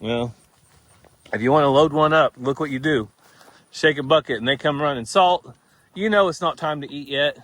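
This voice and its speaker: A man's voice: a little high, normal speed, fairly bright tone, no room sound. A man chatting casually and teasing outdoors on his farm as a vlog host. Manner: folksy, teasing, drawling farm talk. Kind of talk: casual chat. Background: farm animals.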